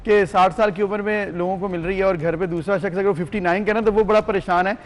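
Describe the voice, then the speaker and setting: A man with a Pakistani accent co-hosting a morning show, interviewing a guest in a brisk, affirming way. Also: sits high, steady tone.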